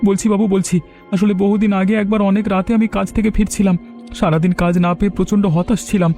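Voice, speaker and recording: A man's voice: high voice, little pitch movement, quick pace, mellow. Man voicing a pleading poor villager. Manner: pleading and earnest. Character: poor young village man accused of theft. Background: background music.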